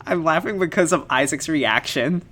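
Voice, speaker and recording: A man's voice: fairly high pitch, moderate pace, sharp tone. A man co-hosting a casual podcast, talking in a loose, rambling way. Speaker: podcast co-host. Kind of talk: casual chat.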